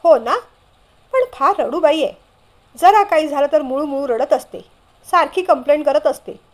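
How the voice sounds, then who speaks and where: Brief: a woman reading a playful teasing younger brother, light and high. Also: moderate pace, close to an everyday voice.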